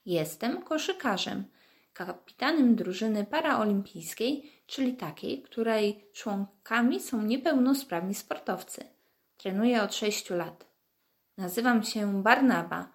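A woman voicing a calm, friendly bearded man, an athlete in a wheelchair, in a storybook reading, speaking patiently and with good humour. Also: mid-range voice, measured pace.

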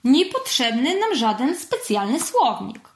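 A woman voicing a sly, wise old male puppet wizard in a storybook reading, slow and reassuring. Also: sits high, sing-song, roomy sound, pitched above the performer's own voice, full character voice.

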